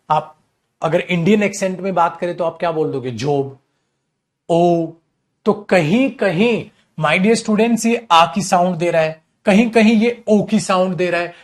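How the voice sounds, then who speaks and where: A male English grammar teacher with a Hindi accent, lecturing a class and answering his own questions as he explains. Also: sits high.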